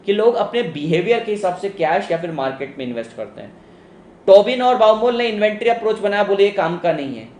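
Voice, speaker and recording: A man delivers a casual economics lecture, slipping English terms into his explanations and calling students "beta". His voice sits a little high for a man. The room is roomy and echoey, with faint background ambience. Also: darkish tone, a little hiss or hum. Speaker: economics teacher. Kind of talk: live online exam-prep lecture.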